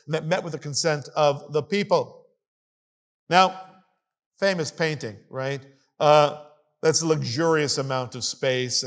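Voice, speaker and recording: A man giving a sermon-style history lesson to a congregation, emphatic and animated, with wry asides, reading a document aloud and commenting on it. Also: on the high side. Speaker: congregation teacher. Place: congregation meeting hall.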